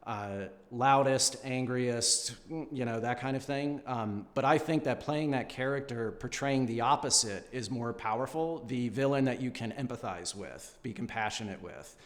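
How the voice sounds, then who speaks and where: A man answering questions at an acting audition, polite, measured and thoughtful. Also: medium pitch, big-room sound. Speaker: actor at an audition. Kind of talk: unscripted audition interview.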